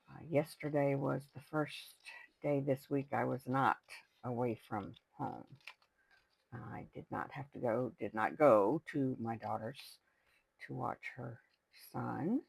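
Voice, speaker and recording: The craft channel host here is an older woman whose voice is rumbling low, darkish, gravelly, and husky. Talking to herself as she works, she chats and rambles casually; the recording is dry and rough.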